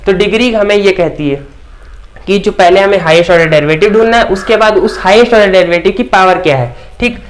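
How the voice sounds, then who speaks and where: A man's voice: high voice, quick pace. A man teaching a maths lecture at a board, asking the class questions and answering them himself, often checking in with "theek".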